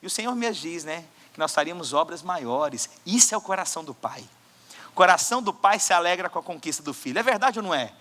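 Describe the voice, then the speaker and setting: A man preaching a sermon as pastor, swinging between loud exhortation and quiet asides. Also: sits high, expressive, quick pace. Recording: church hall with long reverb.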